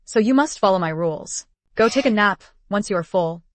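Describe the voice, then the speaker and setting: A woman dubbing a caring young wife in a period drama, with a gently bossy, fussing manner. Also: medium pitch, expressive, brisk, no room sound, close to an everyday voice. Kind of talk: English dub of a period drama.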